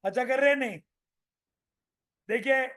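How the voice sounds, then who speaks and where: Male sales coach with a high voice, energetic and repetitive, teaching live over a video call. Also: normal speed. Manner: energetic, repeats phrases, role-plays sales calls. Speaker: business coach. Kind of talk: live online training session.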